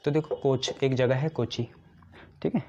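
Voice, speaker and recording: A man's voice: medium pitch, fairly even intonation, a little slow, warm tone. A male chemistry teacher giving a lesson and building memory tricks step by step, often asking his own questions and answering them. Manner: explains step by step, often checks "ठीक है". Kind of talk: classroom lecture with memory tricks. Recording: dull lo-fi recording.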